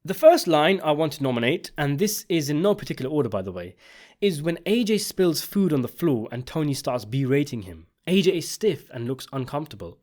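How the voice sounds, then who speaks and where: This man's voice sits at a medium pitch and sounds a little mellow. As a channel host and video essayist, he reads scripted commentary about a TV series with strong, opinionated emphasis.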